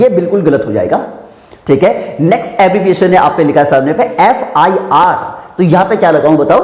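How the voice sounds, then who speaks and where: A man's voice: sits high, darkish tone. A man teaching English grammar in a classroom-style lesson, explaining step by step and asking and answering his own questions. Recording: echoey room with long reverb.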